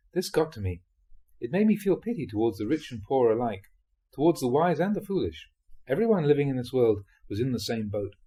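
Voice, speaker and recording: The reader is a male monk voicing translated Dhamma talks like an audiobook. Mellow, soft-edged, and mid-pitched, his voice carries some huskiness and a slight roughness, while its wandering pitch shapes the passages into expressive storytelling.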